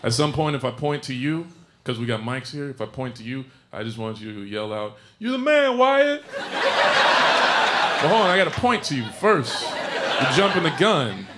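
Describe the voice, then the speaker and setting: On a comedy club stage, a man with a mid-range voice does a stand-up set, animated and a little fast, bantering with the crowd in a dry, sarcastic way. Recorded on a stage microphone for a live album, the clip carries loud crowd noise and audience laughter.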